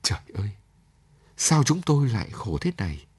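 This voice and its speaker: A man's voice: fairly low pitch, lively intonation, normal speed, slightly rough. A man reading a story aloud, voicing a lonely young woman who pleads through tears and then turns firm. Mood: pleading.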